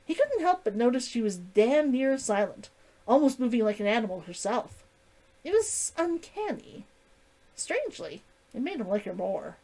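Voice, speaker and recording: A woman narrating a novel aloud in an expressive, dramatic storytelling manner. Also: a little high, moderate pace, low-quality recording. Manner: animated, dramatic reading. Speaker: streamer reading a novel aloud.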